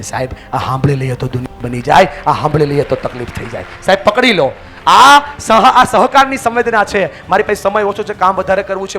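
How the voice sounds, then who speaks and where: A man giving a motivational speech to a live audience, energetic and calling out to the crowd for answers and chants. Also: a little high. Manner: leads the audience in loud chants. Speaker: motivational speaker. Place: large event hall with an audience.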